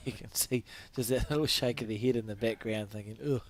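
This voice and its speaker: A man's voice: on the low side, fairly even intonation, brisk. A man with a New Zealand accent giving live sports commentary with chatty, light-hearted banter.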